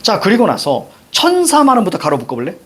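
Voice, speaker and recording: A male teacher giving a brisk literature lecture, directing students and firing quick questions at them. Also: high-pitched, huge pitch swings, fairly bright tone, slightly rough. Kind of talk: classroom lecture.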